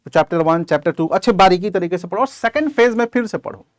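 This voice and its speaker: A man's voice: sits high, fast, no echo, clean studio sound. A man teaching as an exam coaching teacher, giving direct, conversational advice to his students in an informal lecture.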